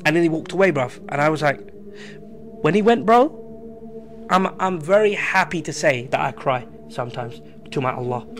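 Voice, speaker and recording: A man, telling a personal story in casual podcast chat, animated and full of slang. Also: on the high side, moderate pace, a little hiss or hum. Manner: animated, slangy, repeats himself. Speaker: podcast guest. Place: small room with a poster wall. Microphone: studio mic on a stand.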